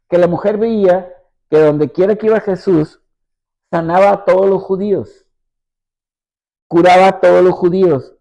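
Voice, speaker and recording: A male pastor preaching with an emphatic, repetitive cadence. His voice is fairly high for a man, yet warm and mellow. The recording sounds dull and lo-fi. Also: gravelly. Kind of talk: sermon.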